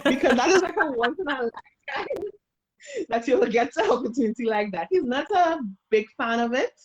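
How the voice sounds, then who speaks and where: A Trinidadian woman in her thirties, a face and body painter, chats casually as a guest on a video call, telling animated stories and acting out little quotes. Her Trinidad and Tobago accent comes through in a slightly rough voice that sits high, at a moderate pace. The audio is poor.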